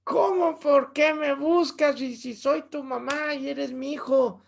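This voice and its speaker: A man's voice: very high voice, steady tone, gravelly, a little hiss or hum, voice pushed up, heavily acted. A man doing a stern, anguished mother scolding her son. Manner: loud, stern, drawn-out scolding.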